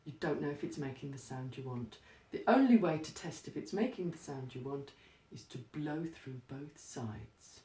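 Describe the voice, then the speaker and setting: Her voice is extremely low, warm and expressive, moving at a moderate pace, with a little hiss or hum. She is a woman teaching a craft step by step, practical and plain in manner. The echoey, roomy audio suggests the mic sat far away.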